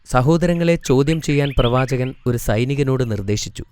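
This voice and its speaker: A man calmly narrating a scripted storybook for children. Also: medium pitch, clear, resonant tone, no room sound. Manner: calm, measured reading.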